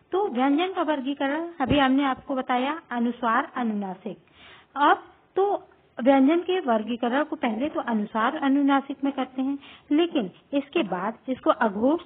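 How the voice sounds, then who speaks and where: Husky-voiced woman teaching on a tinny line. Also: sits high. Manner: halting, repeats terms and pauses on drawn-out fillers. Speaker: school Hindi grammar teacher. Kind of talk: classroom lesson explanation. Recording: tinny phone-like recording.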